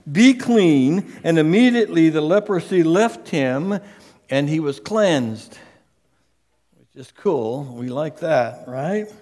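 A man's voice: a little high, a little mellow, big-room sound. A man preaching a sermon as pastor, emphatic and conversational, often repeating his phrases for stress. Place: church sanctuary.

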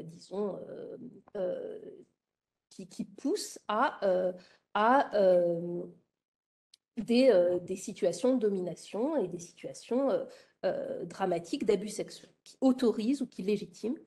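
A woman lecturing on literature at a seminar, pausing often with fillers and restarts, then reading passages aloud. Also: mid-range voice, gravelly, warm tone. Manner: hesitant, many fillers and restarts. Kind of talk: academic seminar talk with read-aloud passages.

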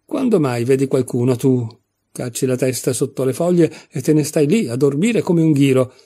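A man's voice: medium pitch, lively intonation, normal speed, dark tone. A man reading aloud, voicing a proud, touchy tiger lily flower in a storybook, haughty and scolding.

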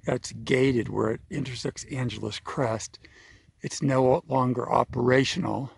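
Out on a mountain trail, a vlogger narrates his hike, out of breath and thinking aloud as he walks. His medium-pitched voice is steady and measured, creaky with a breathy edge.

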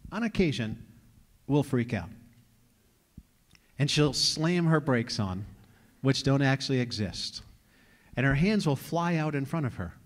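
A man in his forties from New York, preaching a sermon as lead pastor and telling wry, conversational stories. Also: mid-range voice. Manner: joking, conversational storytelling. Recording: long reverb of a large hall.

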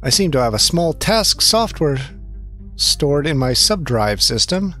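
A man voicing a stiff male service droid that explains its functions slowly. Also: fairly high pitch, sing-song, pushed and bright, faint music behind, full character voice. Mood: matter-of-fact.

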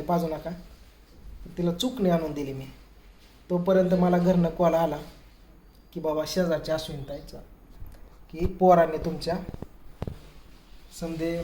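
A man telling a family story to the camera in a casual way, acting out what others said. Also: a little high. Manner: lively retelling that acts out others' quoted words. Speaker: family vlogger. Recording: echoey room with faint ambient noise.

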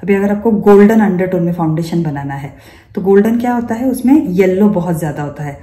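Speaking briskly in a fairly low, mellow voice, a woman runs a makeup class in an echoey room. Her demonstration covers each step, with frequent rhetorical questions to her students.

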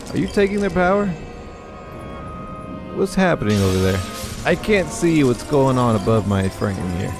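Gravelly young man cursing at a game. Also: mid-range voice. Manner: profane, excitable, talks back to enemies. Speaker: gaming YouTuber. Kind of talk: casual let's play commentary. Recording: game music behind voice.

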